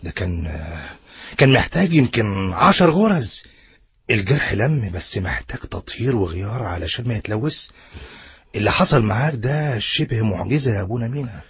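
An earnest, astonished Egyptian doctor in a religious drama. The voice is fairly low, very husky and lively in pitch, speaking respectfully. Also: male voice, fairly quick, dry recording, exaggerated voice. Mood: amazed. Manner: earnest, amazed.

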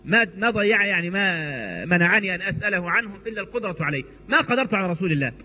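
Man playing a regretful companion, Egyptian accent, earnest, high bright voice, muffled. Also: lively intonation, very fast. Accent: Egyptian Arabic. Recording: reverberant hall, muffled lo-fi sound.

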